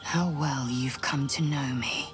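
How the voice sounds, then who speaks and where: A woman's voice: extremely low pitch, fairly even intonation, slow pace, music in the background. An actress playing a proud, fierce githyanki warrior woman in a video game, speaking formally and with solemn intensity. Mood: resolute. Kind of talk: dramatic video game acting.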